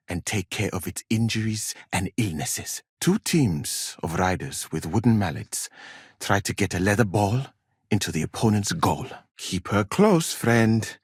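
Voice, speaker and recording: An actor playing a courteous, dryly witty medieval scholar and physician from Mali in a video game, speaking in formal, measured, precise words. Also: male voice, on the low side, husky, no room sound, studio quality. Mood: wry. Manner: formal, measured, precise wording without contractions. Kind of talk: video game character dialogue.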